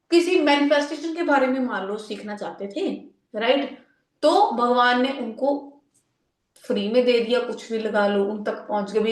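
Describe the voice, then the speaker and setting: A woman's voice: on the high side, reverberant. A woman giving a live spiritual healing lesson in a conversational way. She mixes in English words, keeps checking in with her listeners and acts out the people she quotes. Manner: frequent "theek hai ji" check-ins. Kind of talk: live spiritual teaching talk.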